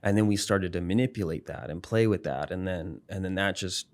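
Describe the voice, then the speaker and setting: A man, a psychology professor and musician, explaining ideas in a relaxed interview, thoughtful, with frequent fillers and restarts. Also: deep voice, fairly quick. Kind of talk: casual explanatory interview talk.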